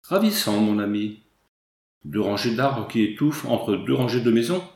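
Un homme lecteur prête sa voix à une jeune épouse vive et obstinée, d'un ton haut et taquin. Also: male voice, lowish voice, expressive, normal speed. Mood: mocking. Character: young wife, lively, stubborn, city-loving. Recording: roomy echo.

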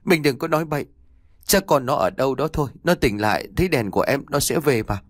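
A man voicing a grieving young village mother who pleads and sobs in a raised, hurried voice, for an audiobook. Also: animated, dry recording, studio quality, natural voice. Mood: desperate pleading. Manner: sobbing, pleading, quick and high. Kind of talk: audiobook character voice.

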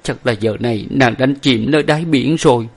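A man voicing a dignified, grief-stricken young gentleman in a storybook, with a measured manner. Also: mid-range voice, husky, voice pushed up, natural voice. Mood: solemn.

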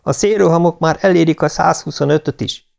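A man's voice: fairly high pitch, vocal fry, darkish tone, voice pushed up. A man voicing an anxious female technician. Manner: quick, worried reports.

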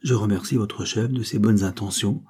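A man's voice: on the low side, moderate pace, warm tone, slightly rough. A man reading an audiobook, voicing a haughty male lord who speaks in an aloof, dismissive manner. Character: haughty male lord posing as Anglo-American.

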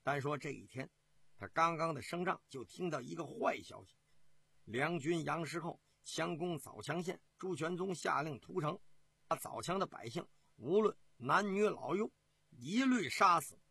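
Husky male storyteller, lively telling. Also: a little high, no room sound. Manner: lively, rhythmic, with drawn-out fillers. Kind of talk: traditional storytelling.

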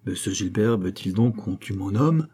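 Guy doing a worried old farm wife, exclaiming, husky and dark underneath. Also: fairly low pitch, animated, moderate pace. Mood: fretful. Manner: fretful, exclaiming. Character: older farmer's wife, warm and fretful.

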